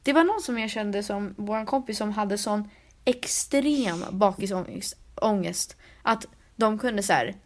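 A young woman in casual chat, animatedly telling stories and acting out what people said. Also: medium pitch. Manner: animated storyteller acting out quotes.

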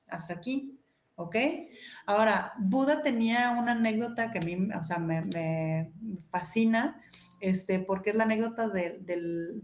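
A woman hosts a radio talk show, speaking straight to her listeners. She explains her points with lively stories and little acted-out quotes, and her voice sits at a middle pitch. The studio sound is roomy, with a clear echo around her.

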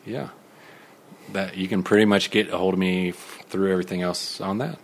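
A guest on a relaxed podcast, this man has a very low voice. He keeps his answers short and easygoing, chuckling along with the host. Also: normal speed, vocal fry, slight background noise. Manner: laid-back, brief answers, laughs easily. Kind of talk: casual interview chat.

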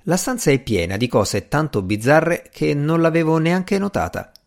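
Man reading as a cautious older gentleman. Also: a little high, very animated, moderate pace, creaky, pitched above the performer's own voice. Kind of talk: audiobook character reading.

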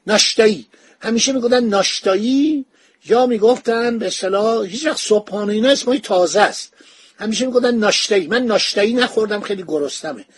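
A man's high-pitched, slightly rough voice, with no echo, tells a historical travel story for his podcast. He's in a home study with bookshelves, keeping the retelling casual and anecdotal and acting out whatever dialogue gets quoted.

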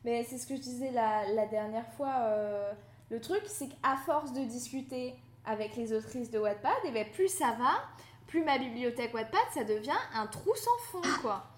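A woman's voice: on the high side, moderate pace. A woman hosting a casual podcast interview, hesitant and thinking aloud with many fillers. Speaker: podcast host.

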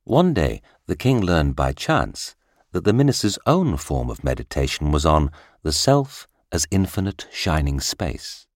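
Very deep-voiced male storyteller. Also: very animated, dry recording, clean studio sound. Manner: measured, deliberate storytelling. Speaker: narrator. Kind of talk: audiobook story reading.

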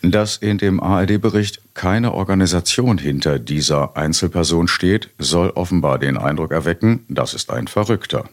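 A man's voice: low-pitched, animated, moderate pace, few pauses. A man co-hosting a news podcast, reading scripted commentary in a pointed, sardonic way. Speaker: podcast co-host.

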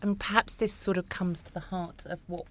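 A woman's voice: lowish voice, fairly even intonation, brisk, a little hiss or hum. A woman hosting a panel discussion, asking probing questions and searching for words. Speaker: host.

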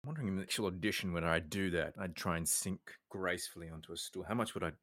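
A man's voice: sits low, fast talker, fairly bright tone, dry recording, clean studio sound. A man with a modern British RP accent at an informal script read-through, breaking off into wry, self-mocking asides. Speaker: actor reading an audition scene.

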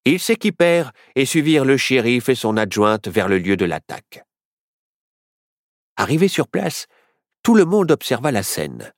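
A man narrating a children's storybook in an expressive, measured way. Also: medium pitch, no echo, clean studio sound. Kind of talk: storybook reading.

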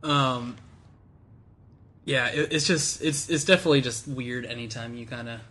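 A man's voice: mid-range voice, moderate pace, sharp tone. A man from Florida hosting a podcast, chatting casually, giggling and saying "like" constantly. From Florida, USA. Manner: giggly, heavy use of "like". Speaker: podcast host. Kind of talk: casual chat.

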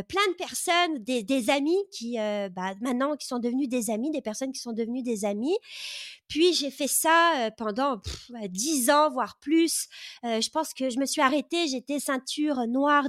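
A woman in her thirties with a high voice tells her own story with eager energy. She stumbles and restarts often. The recording is dry and close, with no room sound. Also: a bit bright, dry recording. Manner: enthusiastic, lots of hesitations and restarts. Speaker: podcast host, guest of this episode. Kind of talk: casual personal storytelling.

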